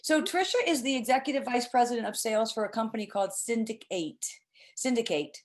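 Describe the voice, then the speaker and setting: A woman's voice: fairly high pitch, lively intonation, a little fast, slight background noise. A middle-aged woman hosting an informal webinar, explaining things in an emphatic, chatty and effusive way. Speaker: host, presenter.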